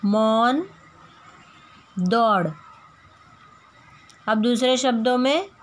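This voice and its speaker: Slow-paced woman teaching phonics. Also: on the high side, fairly bright tone. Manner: repeats and stretches words to model pronunciation. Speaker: primary school teacher. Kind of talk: slow, careful phonics lesson.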